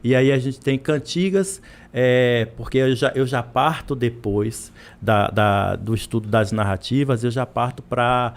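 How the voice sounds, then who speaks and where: A man's voice: medium pitch, a little slow. A man from Brazil, a literature professor, talking as a guest in a podcast interview, full of restarts and repeated words.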